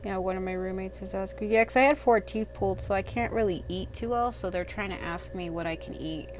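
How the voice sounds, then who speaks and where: A woman in her thirties, speaking at home as a let's play gamer in casual, rambling gameplay commentary and thinking out loud. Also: mid-range voice, a little fast, noisy background. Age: 30s. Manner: rambling and candid, thinking aloud. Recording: game music playing under the voice.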